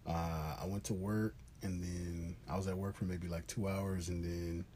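Young man, podcast co-host, relaxed chat, mellow dark tone, lots of fillers. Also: deep voice, moderate pace, a little hiss or hum. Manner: relaxed, filler-heavy storytelling. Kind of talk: casual chat.

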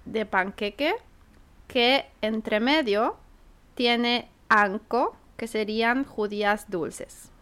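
A woman co-hosting a casual podcast, speaking in a measured way with soft agreeing murmurs. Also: fairly high pitch, clear, resonant tone. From Chile. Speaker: podcast co-host. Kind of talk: casual chat.

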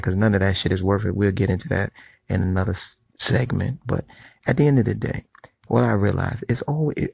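A man with a low, gravelly, husky voice talks straight to camera in a blunt, profane monologue. His street talk keeps checking in with the listener, and the sound is dry and close. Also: darkish tone, no echo. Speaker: vlogger. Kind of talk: casual monologue.

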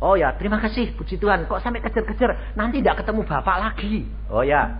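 A man's voice: high-pitched, quick pace. A male pastor, preaching a sermon and acting out voices as he tells stories. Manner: animated storytelling, acting out dialogue voices. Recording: dull lo-fi radio stream with faint noise.

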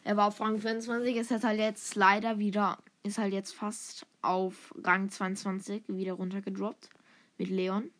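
A young woman streaming a mobile game, commenting live on the play and bursting into shouts and laughter at close moments. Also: mid-range voice, little pitch movement, moderate pace. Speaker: gaming streamer. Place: home room with vacuum cleaner in background.

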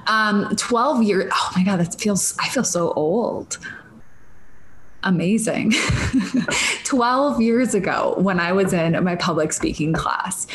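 A Minnesota woman in her thirties, with a Minnesotan accent, hosts a casual solo podcast monologue. She rambles in a stream-of-consciousness way with laughing asides. Her voice is medium-pitched, with slight background noise.

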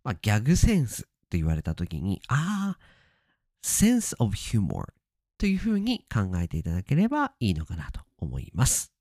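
A man hosting a casual spoken lesson, explaining words with drawn-out emphasis and English glosses. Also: fairly low pitch, no room sound, clean studio sound. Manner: lively and sing-song, stretching key words, mixing in English glosses. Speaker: podcast host teaching Japanese vocabulary.

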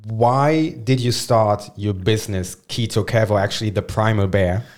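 A man's voice: lowish voice, moderate pace, a little mellow. A man with as his hosting a podcast, bantering crudely, swearing and cutting in with jokes. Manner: joking, interrupting, swears freely. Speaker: podcast host.

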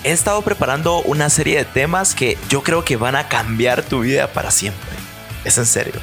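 A Guatemalan man in his twenties hosts a solo motivational podcast, speaking earnestly and upbeat with friendly tag questions and a Guatemalan Spanish accent. His medium-pitched voice moves at a moderate pace over music.

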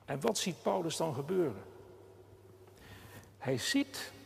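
A preacher with a fairly high, gravelly voice delivers his sermon at a slow, weighty pace. His words ring out into the long reverb of a church hall. He takes long pauses and presses hard on key words. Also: big pitch swings, slight background noise.

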